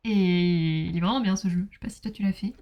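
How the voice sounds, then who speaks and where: A woman's voice: on the low side, fast talker, mellow. A woman streaming a game, chatting casually with her viewers, reading their messages aloud and bursting into exclamations.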